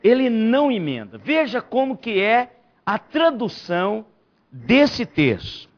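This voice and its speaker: A man's voice: high voice, wildly swooping pitch, slow. A man, a pastor, teaching a Bible study and stressing key phrases by repeating them. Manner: emphatic preacher, repeats key phrases, rising to near shouts. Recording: dull lo-fi church recording.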